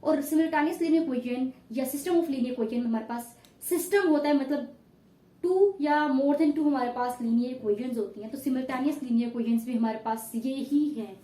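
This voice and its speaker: A woman's voice: high-pitched, moderate pace, warm tone, reverberant. A woman math teacher explaining a lesson step by step, patiently repeating each point and addressing her pupils.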